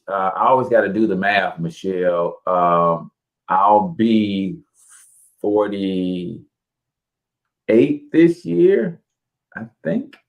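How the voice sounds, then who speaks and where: A man in his forties hosting a casual podcast, telling animated, folksy stories that lean on church sayings. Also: fairly low pitch, rough recording. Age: 40s. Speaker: podcast host.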